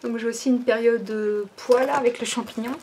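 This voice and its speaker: Over heavy background noise, a woman briskly introduces new stock from her online shop in a fairly high voice with fairly even intonation. Her delivery is casual and chatty, full of hesitations and fillers like "ben" and "euh."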